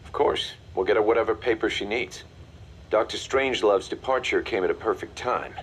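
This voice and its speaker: An actor playing a mercenary second-in-command in a video game, briefing in a confident, matter-of-fact, commanding way. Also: male voice, on the low side, a little fast, a little hiss or hum, natural voice. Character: brisk, hard-nosed male mercenary second-in-command. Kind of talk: video game voice acting, mission briefing dialogue.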